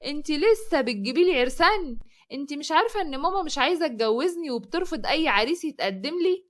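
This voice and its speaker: A tired, put-upon daughter answers back with bitter sarcasm in an Egyptian accent, as a woman storyteller voices her. Her voice is high and her words come fast. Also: expressive, a bit bright.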